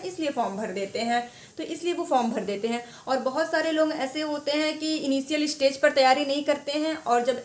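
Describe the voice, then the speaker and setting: A woman's voice: high voice, echoey room. Chatty woman giving exam advice. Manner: chatty, repeats herself, many restarts. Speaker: exam preparation guide. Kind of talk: informal advice talk to students.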